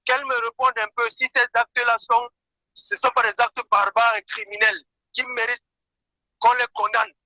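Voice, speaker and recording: A man's voice: very high-pitched, animated, moderate pace, vocal fry, pushed and bright, no room sound. A man calling in on speakerphone, indignantly pressing a guest with an accusing question and stumbling over repeated words. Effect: caller on speakerphone. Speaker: caller. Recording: dull lo-fi phone line.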